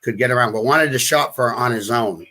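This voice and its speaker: Middle-aged New England man, chatty guest, halting delivery with many restarts. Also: mid-range voice, bright, forceful tone. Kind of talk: casual live-stream conversation.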